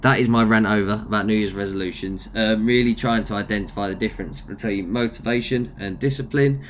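A young man talks with a nasal, fairly low voice in a blunt, chatty way, swearing freely as he rants. A faint hum of ambience sits under him. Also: fairly even intonation, fairly quick. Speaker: podcast host. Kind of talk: casual motivational rant.

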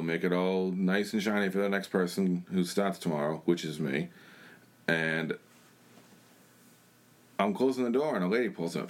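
Very deep-voiced man telling his story. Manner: blunt, plain-spoken storytelling. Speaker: church member sharing his testimony. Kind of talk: personal testimony in conversation.

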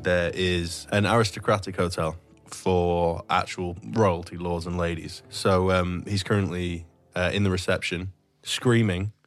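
A man describing his character's actions as a player, in a halting, low-key way. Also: fairly even intonation, soft background music. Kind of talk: tabletop game narration.

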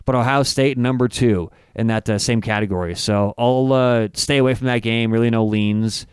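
A man giving a casual, stat-heavy breakdown of college football betting lines, often halting and restarting as he talks. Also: medium pitch, fairly even intonation, clean tone, no room sound, studio quality. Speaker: sports betting analyst. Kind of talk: casual analytical sports chat.

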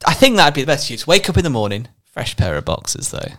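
A man's voice: a little high, big pitch swings, quick pace, fairly bright tone. A man co-hosting a comedy podcast, joking and laughing as he talks. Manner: joking, laughs often, swears. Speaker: podcast co-host. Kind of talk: casual comedic chat.

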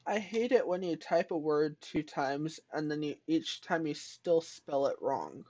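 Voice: mid-range voice, expressive, unhurried, a little mellow. A podcast co-host chatting casually and playfully, with joking asides, on an online voice call.

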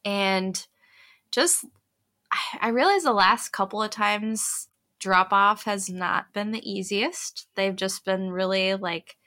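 A young woman co-hosts a relaxed podcast conversation, her voice bright and ringing. She tells family stories with animation, putting on little voices for her kids along the way. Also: medium pitch, slow. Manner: animated storyteller, acts out her kids' voices. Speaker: podcast co-host. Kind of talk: casual chat, storytelling.

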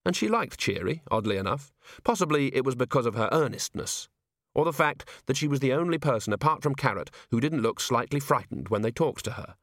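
A man reading an audiobook as its narrator in measured storytelling. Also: mid-range voice, expressive, fairly bright tone, no echo, clean studio sound. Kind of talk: scripted narration.

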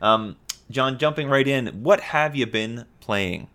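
A man's voice: medium pitch, slow, sharp tone. A young man co-hosting a casual podcast, playful and jokey. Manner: playful, jokey, slips into a mock newscaster cadence. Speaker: podcast co-host. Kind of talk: casual chat.

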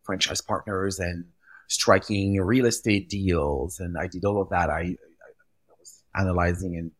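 On a conversational podcast, a guest who works as a retail visual expert speaks in a really low voice; he's from Belgium and his native language is French. He's animated, stumbles a little, and repeats words as he pulls his thoughts together, at a measured pace with a dry sound and no room tone.

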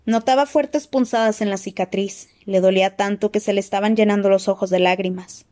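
Brief: woman audiobook narrator, expressive dramatic reading. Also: mid-range voice, fairly quick. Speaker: audiobook reader.

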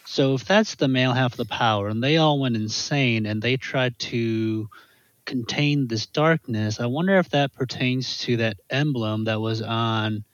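A man's voice: mid-range voice, a little slow, no echo. A man with a medium voice muses over ideas on a book podcast, piling one thought onto the next. His mic sounds dull and lo-fi, and the room is dry and close. He drifts a little between ideas. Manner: thinks aloud, speculative. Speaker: podcast co-host. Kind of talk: casual book discussion.

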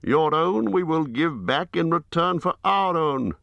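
A man voicing a calm, firm male leader of men, speaking in a measured, steady way. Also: a little high, gravelly, no echo, voice pushed up, exaggerated voice.

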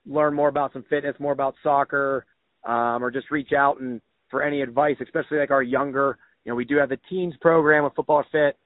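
A man's voice: fairly high pitch, no echo. A man hosting a casual podcast, upbeat and slangy, full of "like" and "dude". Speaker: podcast host. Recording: tinny phone-like audio, dry.

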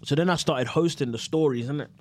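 A man's voice: fairly high pitch, fast, darkish tone, no echo. A young man with a London roadman accent and heavy street slang, chatting casually as he tells anecdotes as a podcast guest. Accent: London, urban roadman slang style. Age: young adult. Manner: slangy street talk with frequent "innit". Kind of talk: casual interview chat, telling anecdotes.

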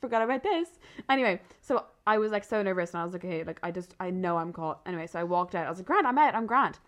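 A woman's voice: fairly low pitch, expressive, very fast, fairly bright tone. A young Irish woman in her twenties, co-hosting a podcast and telling a story in casual chat, laughing and rambling as she goes. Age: 20s. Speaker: podcast co-host.

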